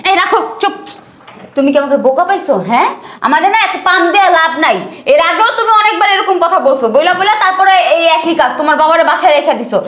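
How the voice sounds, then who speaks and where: A woman's voice: very high voice, lively intonation, fast talker, a bit bright. An actress playing a bossy, scornful young wife who demands her father-in-law be thrown out. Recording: echoey room.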